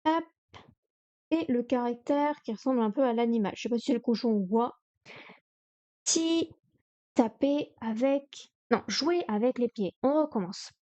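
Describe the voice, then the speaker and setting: Woman, live study stream, repeats words aloud, chatty self-talk, slightly high voice, muffled lo-fi audio. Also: normal speed, warm tone.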